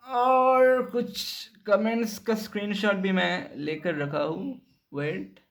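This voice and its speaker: A man's voice: sits high, fairly even intonation, slow, fairly bright tone. A young man giving a heated, mocking and profane commentary rant. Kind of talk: ranting commentary video. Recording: echoey room.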